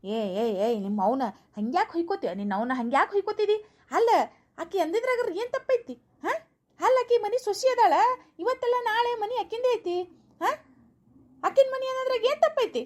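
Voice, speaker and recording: A woman playing a grumpy older village husband in a comedy skit, with a North Karnataka accent and a gruff, argumentative manner. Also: sits high, very animated, fast talker, voice pushed down. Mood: scolding. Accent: North Karnataka Kannada.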